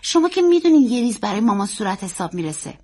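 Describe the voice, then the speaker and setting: A woman voicing an earnest, secretive young boy who talks in an urgent, pleading way. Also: mid-range voice. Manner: urgent, pleading, quick and excited.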